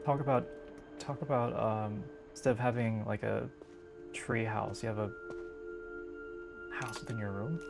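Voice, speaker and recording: A man giving casual, excitable, slangy commentary while playing a video game. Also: lowish voice, unhurried, vocal fry, pauses often. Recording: music behind the voice. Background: game music.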